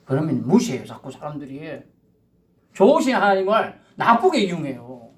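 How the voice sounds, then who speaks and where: Animated pastor. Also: male voice, a little high, normal speed. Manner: conversational, animated, with acted-out asides. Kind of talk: Sunday sermon.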